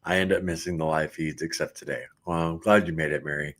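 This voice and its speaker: With a rumbling low voice and quick pace, a middle-aged livestream host reads out viewers' comments and chats easily, laughing frequently.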